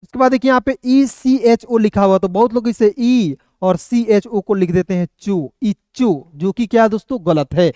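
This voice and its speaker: A man's voice: high-pitched, darkish tone, no echo, clean studio sound. A man teaching English pronunciation in an online video lesson, spelling words out letter by letter and repeating each one to his viewers. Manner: repetitive, addresses viewers as friends, spells out letters slowly.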